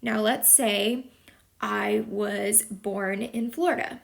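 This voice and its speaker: A woman's voice: mid-range voice, steady tone, takes it slowly, gravelly. A woman teacher from Texas explaining a lesson patiently, step by step, as a voice-over for a whiteboard video. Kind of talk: slow explanatory lesson narration.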